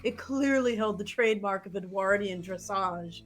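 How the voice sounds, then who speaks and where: A woman streamer voicing a pompous older man obsessed with Victorian fashion, in a stuffy, over-formal, lowered voice. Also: normal speed, natural voice. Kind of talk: streamer voicing a dating-sim character.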